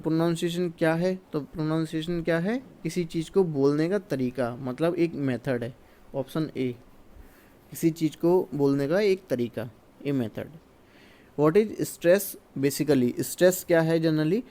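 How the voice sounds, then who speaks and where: A man from India walking through exam questions as a teacher, reading the English questions slowly and then explaining them in Hindi. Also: a little high, dark tone.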